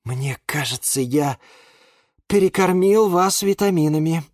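A man's voice: on the high side, a little slow, darkish tone, no room sound, studio quality, voice pushed up, close to an everyday voice. A man voicing a patient young man who reasons with his talking plants in a children's audiobook, with a reasoning, exasperated manner. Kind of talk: audiobook character voice.

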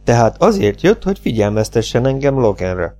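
Man doing a cool, calm young outlaw. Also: medium pitch, faint music behind, natural voice. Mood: calm, flat. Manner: calm and unbothered.

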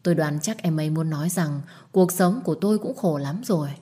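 A woman calmly narrating a first-person story as an audiobook, husky and reflective. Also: sits low, a little fast.

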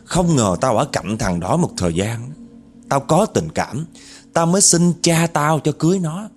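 A man voicing a vengeful, wronged female ghost, speaking in a deep raspy voice with bitter, accusing growls. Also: big pitch swings, normal speed, full character voice. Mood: grieving, accusing. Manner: bitter, accusing, growling through clenched teeth.

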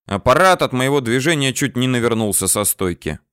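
A man reading a first-person novel aloud as an audiobook narrator, steady and even. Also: medium pitch, a little fast, clear, resonant tone, dry recording, clean studio sound.

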